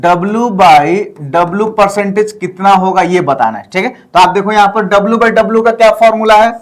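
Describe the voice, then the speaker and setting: High-voiced man teaching chemistry. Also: unhurried. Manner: explains step by step, often checks in with "ठीक है". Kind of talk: classroom lecture.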